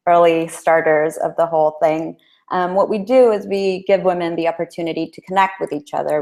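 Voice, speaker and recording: A woman's voice: on the low side, a little mellow. A woman from El Salvador, a guest in an interview, answering in a friendly, chatty way. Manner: friendly, chatty, with small laughs.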